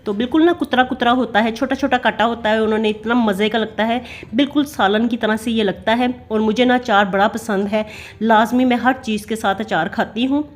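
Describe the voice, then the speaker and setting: A woman's voice: on the high side, fairly even intonation, a little fast. A middle-aged woman with a Pakistani Urdu accent, chatting in a homely way as she narrates her family vlog. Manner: chatty, homely, many fillers. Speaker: family vlogger. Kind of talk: casual voice-over narration.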